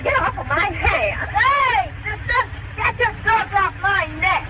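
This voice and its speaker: A woman acting in a stagey old movie manner as a sassy, excitable young college flapper in an early talkie. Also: extremely high pitch, slow, a loud crowd, full character voice. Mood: irritated. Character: brash, slangy young 1920s college flapper. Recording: dull, very noisy 1929 film soundtrack.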